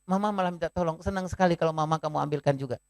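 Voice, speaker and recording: A man voicing a gentle, patient mother. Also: on the high side, racing, gravelly, no echo, clean studio sound, pitched below the performer's own voice. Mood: gently coaxing. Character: gentle mother talking to her child.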